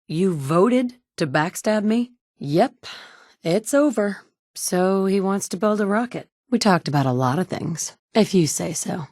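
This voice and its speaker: An actress in her thirties voices a tough, wry survivor as a video game's player character, speaking bluntly and matter-of-factly. Her medium-pitched voice is animated, darkish in tone, and measured in pace, recorded dry on a studio mic in a booth.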